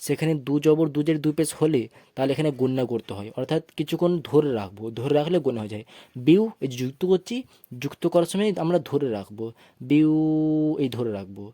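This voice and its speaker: A man teaching Quran reading, slowly spelling out syllables and chanting short recited phrases in a patient classroom manner. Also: mid-range voice, animated, warm tone, no echo, clean studio sound. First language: Bengali. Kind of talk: tajweed lesson, spelling out and reciting verses.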